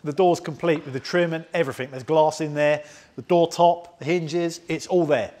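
A man's voice: on the high side, steady tone, normal speed, a little mellow. A man, hosting a car restoration vlog and explaining his work casually. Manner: chatty, explains as he goes, laughs easily. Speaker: channel host restoring a car. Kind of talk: casual workshop vlog chat. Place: large indoor garage workshop.

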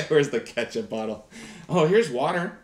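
A science teacher in his thirties hosts a chatty, enthusiastic live demonstration, talking directly to viewers from an indoor home kitchen set. His voice is on the high side with big pitch swings and a measured pace, and the kitchen gives the recording a roomy echo.

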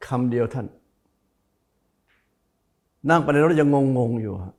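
A man's voice: medium pitch, a little slow, darkish tone. A man who is a Buddhist monk, giving a televised dharma talk, stressing and repeating key phrases and speaking straight to the viewers. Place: broadcast studio.

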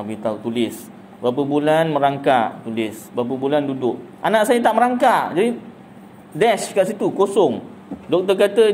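Malaysian guy, religious teacher, kinda high voice, jokey chatty talk, faint hiss in the room. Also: darkish tone. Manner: chatty, jokey, asks and answers own questions.

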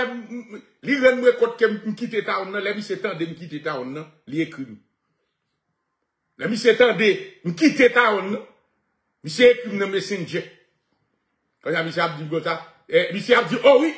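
A man tells a bragging story in a high, lively voice, laughing as he goes. The sound bounces around an echoey room. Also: moderate pace. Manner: animated, laughing, switching between Haitian Creole and French. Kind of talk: boastful storytelling rant.

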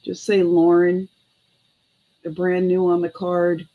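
In an indoor room lined with clothes racks, a middle-aged woman runs a live online sale, chatting casually at a slow, unhurried pace and sometimes muttering counts under her breath. Her lowish voice stays monotone, and the audio sounds dull.

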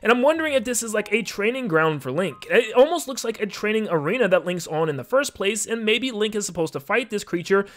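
A man hosting a gaming video, giving casual, excitable and playful commentary on a game trailer. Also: high-pitched, fairly quick, few pauses, soft background music.

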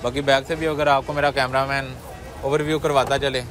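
A man hosting a car market walkaround, describing cars in brisk salesman-like patter and interviewing sellers on a handheld mic outdoors. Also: mid-range voice, level tone, a bit bright, some chatter behind. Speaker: host presenting cars at a market. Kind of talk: walkaround commentary and street interviews. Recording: outdoor street noise behind.

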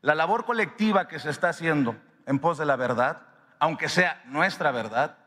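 A man's voice: a little high, expressive, bright, forceful tone. A man, giving an earnest, emphatic formal speech at a podium microphone in a large hall. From Sonora, Mexico. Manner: earnest and grateful, emphatic with drawn-out pauses. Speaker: independent media director giving a speech. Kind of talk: formal public address. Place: large ornate hall in a palace. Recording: long reverb of a large hall.

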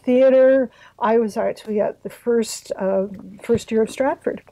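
Brief: older Canadian woman, interview guest, mellow dry voice, hedging and restarting often. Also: a little high, unhurried, dry recording, low-quality recording. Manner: hesitant, many fillers and restarts. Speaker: guest, arts health board secretary. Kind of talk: casual interview talk.

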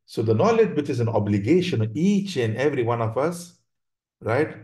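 A man's voice: mid-range voice, very animated, mellow. A man teaching an online religious class over slides, explaining step by step, often checking in with "right?" and restarting his sentences. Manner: explanatory, frequent check-ins with "right?" and "yeah?"; halting, with many restarts. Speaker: Islamic teacher. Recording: roomy echo.

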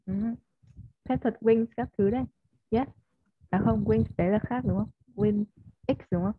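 Vietnamese teacher coaching English pronunciation. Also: female voice, medium pitch, moderate pace, slightly rough, no echo. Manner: coaxing, keeps checking with "yes or no?" and modelling stressed words. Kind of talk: one-on-one online English lesson. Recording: slightly dull, dry audio.

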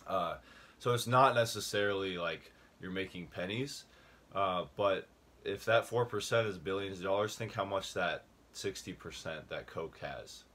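A man's voice: low voice, normal speed, pushed and bright. A young man talking casually about a book he read, rambling with fillers and restarts, a little out of breath. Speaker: book review vlogger. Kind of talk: casual video talk.

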